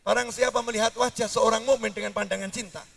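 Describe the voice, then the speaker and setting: A man preaching a sermon, jumping between high outbursts and low mutters. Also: fairly even intonation, fast, vocal fry, fairly bright tone, husky, dry recording, recorded from a distance, faint music behind.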